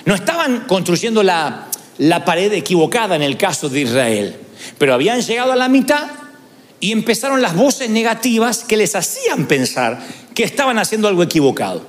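Animated high-voiced preacher in a hall. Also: male voice, moderate pace. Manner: animated storytelling preacher, acts out inner voices. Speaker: pastor. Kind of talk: sermon. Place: church.

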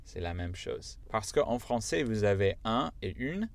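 Man, native English speaker, American accent in French, language lesson, slow and patient, lowish voice. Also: sing-song. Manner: patient, explains step by step. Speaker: English teacher.

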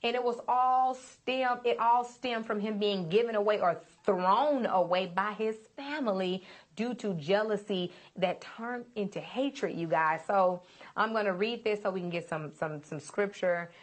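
A woman's voice: medium pitch, a little slow. A woman giving a casual sermon, reading scripture aloud in an earnest, chatty way and often calling her listeners "you guys". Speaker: Bible teacher.

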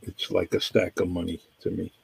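A man hosts a casual podcast interview in a very low, flat, gravelly voice with a husky edge. He rambles warmly with many fillers and fights a nagging cough. The sound is dry and close. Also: moderate pace, low-quality recording. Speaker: podcast host.

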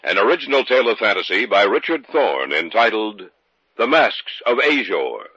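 A man's voice: lowish voice, big pitch swings, normal speed, sharp tone. Man hosting an old radio show, echoey. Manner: ominous, theatrical invitation. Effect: old radio show broadcast. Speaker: host of a radio drama series. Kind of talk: 1940s radio drama announcing. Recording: dull old radio broadcast with long echo.

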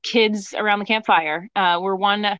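A giggly American woman co-hosts a casual podcast, telling stories in an easy chat. Her medium-pitched voice sounds muffled and very dry, as if recorded in a small closet. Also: fairly even intonation, normal speed, a bit bright, clear, resonant tone, no echo. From Maine, USA. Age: adult, mother of young children. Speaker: podcast co-host. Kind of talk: casual chatty storytelling. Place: inside a closet at home.

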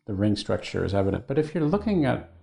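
Gravelly-voiced man asking halting questions. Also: fairly low pitch, big pitch swings, warm tone. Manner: halting, hesitant questioning with many fillers. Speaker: interviewer, host. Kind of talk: interview questions.

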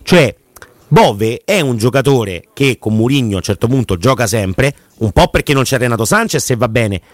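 A man's voice: medium pitch, lively intonation, moderate pace, no room sound. Hesitant, analytical male football host. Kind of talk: casual football chat.

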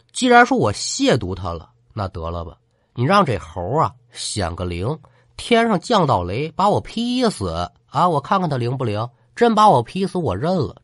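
A man's voice: mid-range voice, fairly bright tone, no room sound, clean studio sound. A man voicing a cocky, irreverent young man who talks in a mocking, blustering way. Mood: defiant. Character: brash, irreverent young man, scornful and loud.

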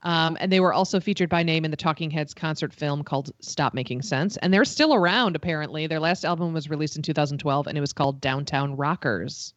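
A woman's voice: sits low, brisk, hardly any pauses, no room sound, lo-fi sound. A woman with an upstate New York accent from Buffalo, hosting trivia and reading out answers amid casual banter. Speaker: trivia quiz host.

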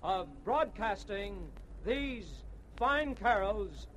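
A very high-pitched American man declaims like a grand master of ceremonies of 1940s radio. He addresses people in an outdoor city square in a ceremonial manner. The old broadcast recording carries faint noise. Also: expressive, drawn-out words, fairly bright tone. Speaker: song leader and master of ceremonies.

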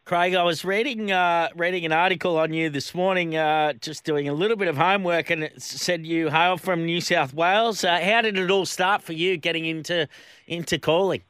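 Bright-voiced male radio host. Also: fairly high pitch, fairly even intonation, moderate pace, clean tone, no echo. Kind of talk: casual interview.

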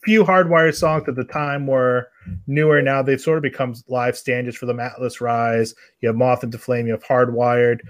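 Male livestream host from New Hampshire, relaxed, dry close sound. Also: mid-range voice, moderate pace, no echo. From New Hampshire, USA. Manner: easygoing, hesitant with fillers. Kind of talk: casual chat.

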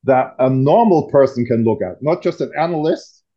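A man's voice: mid-range voice, expressive, normal speed, dark tone. A man explaining things with enthusiasm as a guest author in an interview. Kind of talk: casual interview talk. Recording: dull lo-fi audio.

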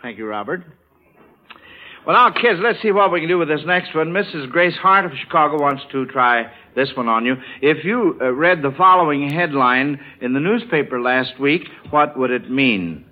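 Heard through a dull, band-limited old radio recording, a man with a slightly high voice hosts a 1940s-style quiz for children. He's animated and moderately paced, chuckling in a folksy way and repeating answers back often.

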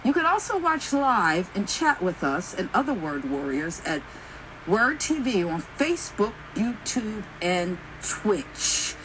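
A woman hosts a call-in radio show in a friendly way. She speaks slowly with a lively, swinging pitch. Clear background noise sits under her voice. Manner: slow, friendly announcing. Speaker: radio talk show host.

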